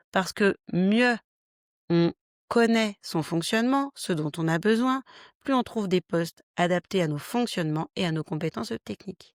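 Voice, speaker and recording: A woman's voice: mid-range voice, no room sound, studio quality. A woman hosting a health podcast, explaining practical stress techniques in a frank, step-by-step way. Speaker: podcast host, health worker. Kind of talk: solo podcast talk, lightly scripted.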